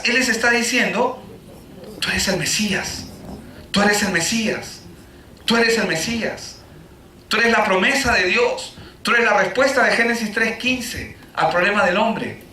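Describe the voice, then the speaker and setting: A man preaching a sermon, full of rhetorical questions, rising to shouts and then dropping low. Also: slight background noise. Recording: echoey room, voice from a distance.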